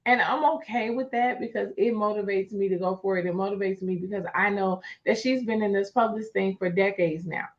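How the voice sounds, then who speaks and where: A woman gives a motivational talk in a conversational, emphatic way, repeating her key lines. Her voice sits at an ordinary middle pitch. The recording sounds a little dull and lo-fi. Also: steady tone, fairly quick, few pauses. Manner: emphatic and repetitive, conversational, addresses listeners as y'all. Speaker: host, motivational speaker.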